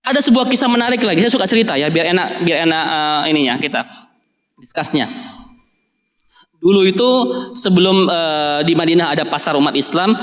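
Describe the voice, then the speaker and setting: A man's voice: fairly high pitch, brisk, pauses often, a bit bright. A man preaching in a mosque, telling his story casually with slang and jokes. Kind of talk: sermon. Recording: echoey mosque hall with long reverb.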